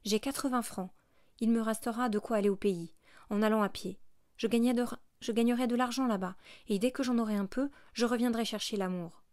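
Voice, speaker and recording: A woman's voice: on the high side, steady tone, brisk, a little mellow, dry recording, clean studio sound, close to an everyday voice. A woman reading aloud as a poor young mother, earnest and pleading.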